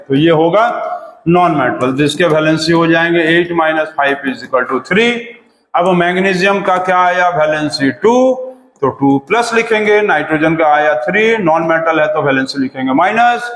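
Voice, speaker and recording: Guy teaching chem class, keeps repeating stuff, bit high voice, echoey room. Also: fairly bright tone. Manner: chatty, repetitive, coaxing students. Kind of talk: chemistry lesson. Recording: echoey room with long reverb.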